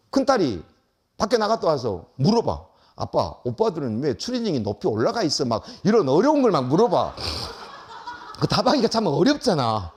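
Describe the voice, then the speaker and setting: Lively, fast-talking older male lecturer. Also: high voice. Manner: animated, acts out dialogue, chuckles often. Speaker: lecturer, veteran educator. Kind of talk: storytelling lecture to an audience. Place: lecture hall.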